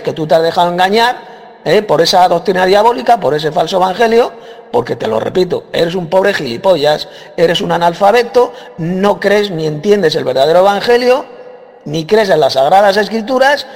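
Scornful high-voiced Spanish man. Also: long reverb tail. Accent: Spain Spanish. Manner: aggressive, insulting, scornful. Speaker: debate participant. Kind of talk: heated religious debate.

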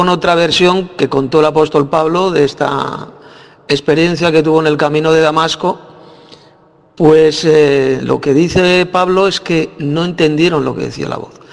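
A man's voice: on the high side, steady tone, moderate pace, gravelly, in a large hall. A man teaching from the Bible, explaining it verse by verse and answering his own questions. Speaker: preacher.

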